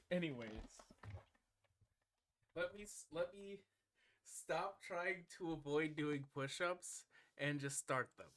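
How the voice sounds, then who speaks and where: Slow-talking man counting workout reps. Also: medium pitch. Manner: counting reps aloud, chatty and self-amused. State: catching his breath. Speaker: streamer. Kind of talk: casual live-stream chat while exercising.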